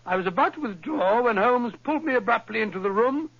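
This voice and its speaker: An actor playing Doctor Watson, a genial, hesitant narrator, in a 1940s radio drama from a dull old broadcast. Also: male voice, extremely high pitch, expressive, fast, breathy edge, exaggerated voice. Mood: storytelling.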